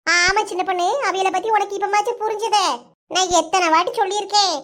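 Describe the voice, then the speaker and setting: A woman's voice: very high-pitched, fairly even intonation, fast. A woman voicing a bossy middle-aged village mother in a cartoon who scolds her neighbor, with a Kanyakumari Tamil accent. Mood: chiding. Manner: scolding, loud village banter. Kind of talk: cartoon voice acting.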